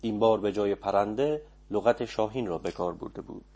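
A man reading a literary story aloud as an audiobook narrator, in a calm, reflective manner. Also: lowish voice. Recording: faint background music.

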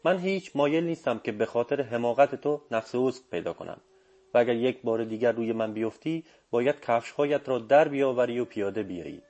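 Guy reading as a teasing old sorcerer, firm and bossy, dark mellow voice, audiobook. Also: medium pitch, dull audio, lightly acted. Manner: teasing and firm, speaks with authority. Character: old male sorcerer, teasing, laughing, commanding.

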